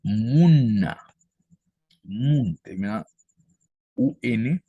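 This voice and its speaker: A man teaching a language lesson, patiently explaining rules and repeating example words slowly. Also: lowish voice, creaky, husky, dry recording, narrow, tinny audio. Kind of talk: classroom-style explanation.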